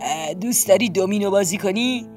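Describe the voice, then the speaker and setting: A woman voicing a frail, lonely old man neighbor who speaks slowly and weakly. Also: medium pitch, a little mellow, faint music behind, lightly acted. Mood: gentle. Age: older. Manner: slow, weak, mumbling.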